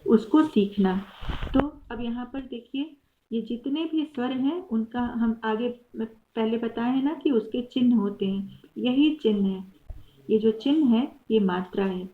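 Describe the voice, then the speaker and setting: A woman teacher giving a patient grammar lesson, explaining slowly with many examples. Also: fairly high pitch. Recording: tinny phone-like recording.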